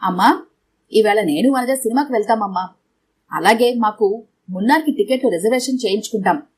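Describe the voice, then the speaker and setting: A woman's voice: medium pitch, brisk, a little mellow, slightly rough, close to an everyday voice. A woman voicing a dutiful young man who plainly explains his plans to his parents. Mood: matter-of-fact. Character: dutiful young husband, a son.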